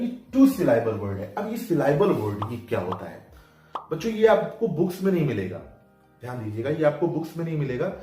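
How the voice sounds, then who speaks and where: A man teaching a grammar lesson at a board, lively and often telling students to pay attention. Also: on the high side. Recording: very echoey room, voice from far off, faint music.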